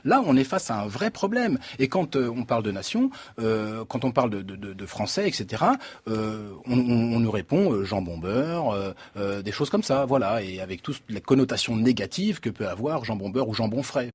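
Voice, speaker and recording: A French-born male teacher and author answering interview questions, halting and repeating words as he thinks. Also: mid-range voice, lively intonation, breathy edge, no room sound. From France.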